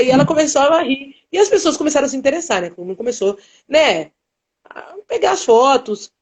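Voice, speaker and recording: A woman photographer telling stories in a live interview, acting out the dialogue with expressive voices. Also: fairly high pitch. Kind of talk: animated storytelling in a live interview. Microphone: live stream.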